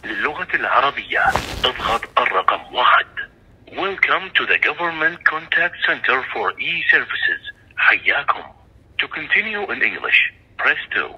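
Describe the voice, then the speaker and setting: A man's voice: mid-range voice, big pitch swings, sharp tone, husky. Man's recorded phone menu message. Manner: formal, measured announcements. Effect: recorded phone menu message over a phone line. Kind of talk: scripted phone system prompts.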